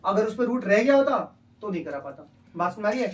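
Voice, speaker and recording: A man's voice: sits high, very animated, quick pace. Man teaching maths to a class. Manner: repeats steps, asks class questions. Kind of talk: live classroom lesson. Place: classroom with students. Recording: distant from mic.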